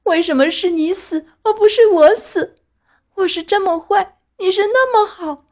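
A woman voicing a young wooden puppet boy in an audiobook, pleading in a high wailing voice. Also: expressive, normal speed. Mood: wailing grief. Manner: high wailing, sobbing pleas. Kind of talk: audiobook character voice.

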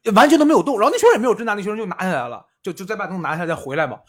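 Animated, husky-voiced man telling stories. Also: racing. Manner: animated storyteller, acts out quotes with big pitch jumps. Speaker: podcast host. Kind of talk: casual chat, storytelling.

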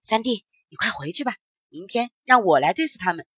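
A woman voicing a gentle, unhurried young man who speaks softly in a children's story. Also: mid-range voice, lively intonation, slightly rough, dry recording, clean studio sound.

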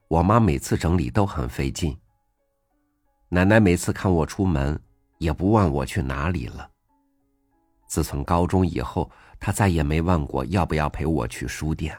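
A man hosting a reading program, narrating a first-person essay in a gentle, reflective way. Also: extremely low pitch, moderate pace, dry recording. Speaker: audiobook host reading an essay. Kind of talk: scripted narration. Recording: dry studio voice over faint music.

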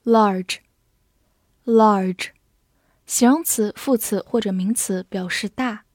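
A woman reading an English vocabulary review. She says each word twice in a deliberate way, then gives its part of speech and meanings. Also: mid-range voice, a little mellow, breathy edge, no echo, studio quality.

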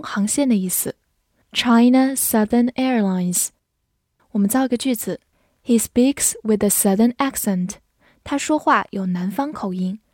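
A woman teaching English vocabulary in a clear, patient way, spelling out words and reading model sentences slowly. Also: medium pitch, darkish tone, dry recording, studio quality. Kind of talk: vocabulary lesson.

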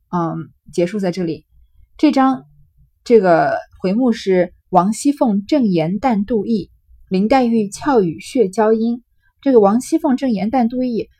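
Husky woman explaining a classic novel. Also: mid-range voice, warm tone. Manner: explanatory, conversational, with fillers. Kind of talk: reading aloud and retelling a classic novel.

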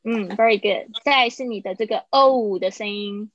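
A woman's voice: mid-range voice, moderate pace, fairly bright tone. A woman teaching an English lesson online, explaining in Mandarin and modelling each English word twice. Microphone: online call. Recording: dull, dry live-stream audio.

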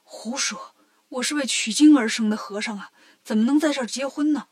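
A woman doing a timid, soft-spoken monk. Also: on the high side, brisk, husky. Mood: fretful. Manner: soft, whimpering. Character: timid fretful male monk, a master.

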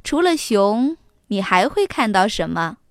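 A woman voicing a gentle, worried mother fox in a children's storybook reading, soft and encouraging. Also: mid-range voice, very animated, measured pace, no room sound, clean studio sound, voice pushed down. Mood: caring.

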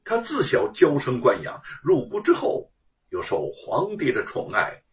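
Male storyteller, dramatic sing-song telling, very lively pitch, slow, dull distant lo-fi sound. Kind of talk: traditional oral storytelling.

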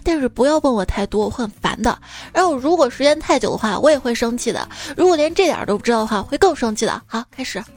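A woman's voice: on the high side, animated, fast, hardly any pauses. A woman host delivering a scripted comic monologue in a playful, teasing way, often breaking into laughter. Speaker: radio host.

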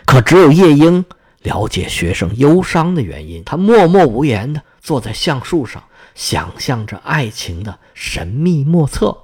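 一个讲故事的男的，念童话很有感情，起伏大. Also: male voice, medium pitch, unhurried, breathy edge. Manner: expressive, dramatic narration. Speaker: storyteller. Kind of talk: fairy-tale reading.

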